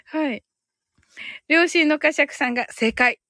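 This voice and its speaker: A woman's voice: high voice, measured pace, sharp tone, dry recording, clean studio sound. A woman hosting a casual live audio stream, reading out listener comments and reacting with giggles and delight.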